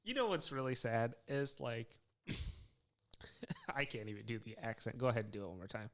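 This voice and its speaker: A man's voice: medium pitch, animated, a bit bright. Laughing male podcast co-host. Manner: reactive, quick to laugh, teasing. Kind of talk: casual chat.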